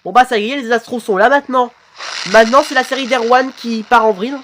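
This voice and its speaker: A woman's voice: fairly high pitch, steady tone, quick pace, fairly bright tone, a little hiss or hum. A woman YouTuber chatting playfully while dubbing fan-made cartoon episodes. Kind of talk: casual fan-dub reaction.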